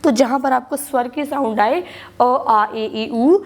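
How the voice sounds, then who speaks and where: High-voiced Indian woman teaching grammar. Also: slow pace. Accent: Indian English. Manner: explains patiently, repeats key words, asks and answers her own questions. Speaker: school English teacher. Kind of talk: classroom grammar lesson in Hindi and English.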